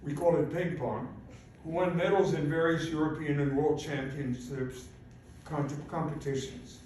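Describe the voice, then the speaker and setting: His voice is on the high side and darkish, steady in tone and a little slow. He is a Polish man in his eighties, a native Polish speaker and Holocaust survivor, reading a prepared, formal testimony as an invited speaker at a public event. The mic is far away in a very echoey hall, and there's faint noise.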